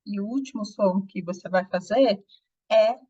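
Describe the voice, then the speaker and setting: Woman going through a lesson real slow, teacher voice, keeps asking the viewer little questions. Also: medium pitch, dark tone, slightly rough, muffled recording. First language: Portuguese. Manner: slow, deliberate explaining with rhetorical questions. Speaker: English teacher. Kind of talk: video lesson.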